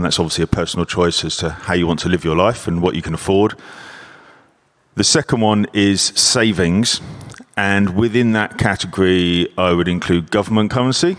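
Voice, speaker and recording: A man on a conference panel, explaining in a measured, structured way. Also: deep voice, a bit bright. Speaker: panelist, investment adviser. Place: conference hall.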